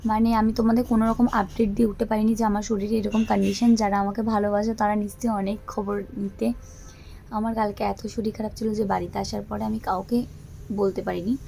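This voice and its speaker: A woman vlogger speaking slowly and softly to viewers, weak and low on voice. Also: flat delivery, creaky, slight background noise. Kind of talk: casual vlog to viewers.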